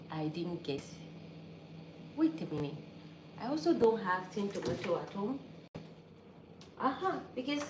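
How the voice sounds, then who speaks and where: A woman from Nigeria, Yoruba her first language, chats slowly and easily with her viewers while she cooks at home. She suffers from an allergy, and her voice rings around an echoey kitchen. Steady noise sits clearly behind her. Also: mid-range voice. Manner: chatty, easygoing, thinking aloud. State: pollen allergy, sneezing. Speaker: vlogger. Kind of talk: casual cooking vlog chat with live viewers.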